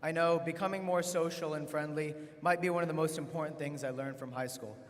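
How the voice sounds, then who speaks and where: A man's voice: fairly high pitch, fairly even intonation, brisk. A young man in his late teens giving a formal podium speech as a student valedictorian at a graduation. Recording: hall reverb from PA-style speech.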